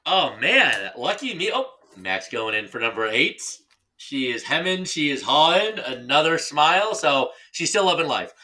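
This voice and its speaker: A bright, lively man co-hosting a casual football podcast. He rambles through his picks and teases his partner between games. His tone stays loose and joking. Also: fairly high pitch, moderate pace. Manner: playful, teasing, rambling. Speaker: podcast co-host. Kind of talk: casual sports chat.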